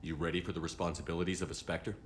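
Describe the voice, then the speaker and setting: An actor playing a steady, supportive and grave military commander in a video game. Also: male voice, deep voice, rapid-fire, slight background noise, natural voice. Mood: steady, warm. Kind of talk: video game dialogue acting.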